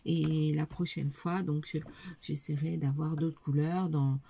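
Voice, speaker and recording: A woman's voice: low voice, steady tone, unhurried, creaky, noisy background. A middle-aged woman chatting casually in a craft haul video, hesitant with many fillers, talking to viewers as she shows each item. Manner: talks to viewers while showing items. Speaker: craft vlogger.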